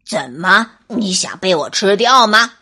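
A woman voicing a menacing big grey male wolf in a storybook tale, speaking gruffly and with threat. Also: fairly low pitch, sing-song, measured pace, fairly bright tone, voice pushed down, full character voice.

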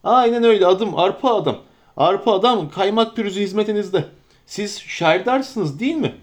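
A man reading aloud and voicing a stout, bustling, forgetful middle-aged innkeeper who chatters in a hurried, flustered way. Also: high voice, expressive, voice pushed up.

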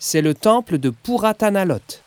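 A man's voice: sits high, animated, moderate pace, clear, resonant tone, dry recording, pitched above the performer's own voice. A man voicing a friendly young Balinese fisherwoman who guides the family in a children's storybook. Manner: friendly, explaining.

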